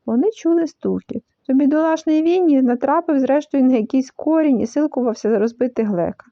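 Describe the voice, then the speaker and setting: A woman reading a children's story aloud in an expressive, animated way. The recording is dull and lo-fi. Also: high-pitched, brisk, no room sound. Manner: lively, animated, full of voices.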